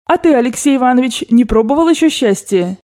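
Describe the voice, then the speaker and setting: Storybook part: woman reader doing a domineering elderly grandmother, blunt commands, pitched up, soft dark tone. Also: lively intonation, brisk. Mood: bossy. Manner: commanding, brusque and loud. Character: imperious rich old grandmother, bossy and blunt. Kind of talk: audiobook character voice.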